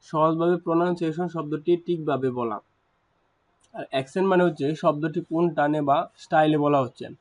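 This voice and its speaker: A man teaching a language lesson, explaining terms slowly with hesitant pauses. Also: on the high side, steady tone, a little mellow, low-quality recording. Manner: hesitant, frequent fillers and restarts.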